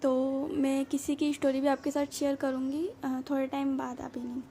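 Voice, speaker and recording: A woman's voice: high voice, little pitch movement, normal speed, very noisy. A woman doing a casual, chatty tarot reading straight to her viewers, reassuring and loose with filler sounds. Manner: voice comes out somewhat quiet. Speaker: tarot reader.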